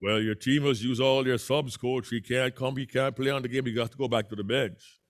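A man doing a deep-voiced Jamaican referee. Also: steady tone, a little fast, no echo, studio quality, lightly acted. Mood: firm. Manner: firm, official. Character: stern male referee, deep voice.

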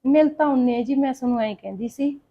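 A woman's voice: sits high, quick pace. A woman playing a soothing worried mother. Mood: pleading. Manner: coaxing, pleading. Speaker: mother in a family skit. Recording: dull lo-fi recording.

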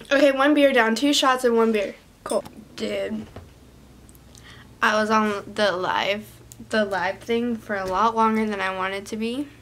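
A young woman with a fairly high voice films a casual vlog in a small room. She chats to the camera as the host of her channel, loose and slangy, swearing freely. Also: fairly even intonation, slow pace, pauses often. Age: young adult. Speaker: video creator, channel host.

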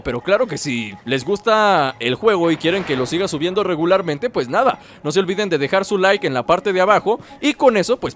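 A man giving playful, excitable commentary on his own gameplay, full of jokey asides. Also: high-pitched. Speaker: gaming YouTuber.

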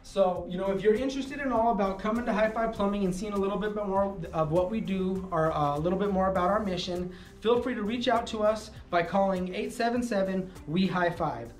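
A man in his thirties giving a relaxed walking tour of his company's warehouse and offices, with frequent fillers. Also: high-pitched, a little fast, hardly any pauses, distant mic. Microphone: camera following him, mic at a distance. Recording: echoey rooms, voice a bit off-mic, soft music underneath.

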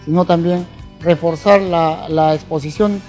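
A middle-aged man with a Peruvian Spanish accent talks into a handheld mic in a formal hall, promoting an event with frequent pauses. His voice is mellow and dark. Faint music sits behind him. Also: fairly high pitch, fairly even intonation. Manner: halting, many fillers, promotional. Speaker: event organizer. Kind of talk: on-camera interview. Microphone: handheld station mic.

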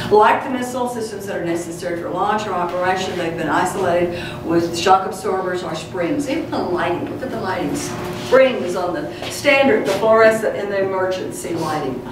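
A woman's voice: fairly low pitch, normal speed. A middle-aged woman working as a tour guide, explaining things to a group in short, instructive statements. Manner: instructive, short declarative phrases. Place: underground concrete and steel missile complex. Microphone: camera a few metres away. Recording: noisy, very echoey, distant camera microphone.

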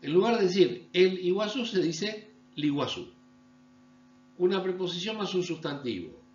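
A man from Argentina, giving a recorded online university lecture and often checking understanding with a quick "¿sí?". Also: sing-song, a little mellow. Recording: echoey room, dull low-fi sound with mains hum.

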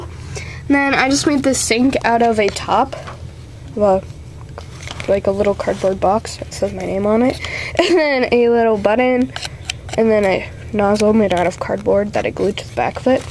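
A young woman, her voice a little high and a touch mellow at a moderate pace, shows off things in her small carpeted room in a loose, chatty tour. She's giggly, self-deprecating and apologetic. The sound is noisy, recorded through the handheld camera's own mic.

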